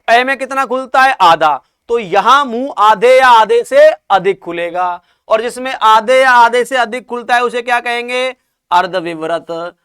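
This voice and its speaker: A man teaching a class in a high, clean voice. He asks questions and answers them himself, and stretches out each sound to demonstrate it. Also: a bit bright, clean tone. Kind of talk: classroom lesson.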